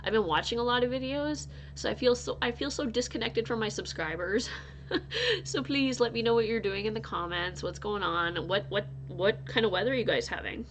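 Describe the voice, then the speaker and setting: Still sniffly and on the mend from illness, this adult crochet vlogger, a married woman from North Dakota, talks casually to her viewers in a fairly high voice at a fairly quick clip. Her chatter rambles, full of laughs and restarts. Slight background noise can be heard.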